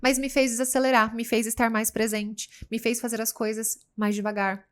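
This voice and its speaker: A woman co-hosting a podcast, speaking in a calm, measured, reflective way. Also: a little high. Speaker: podcast co-host.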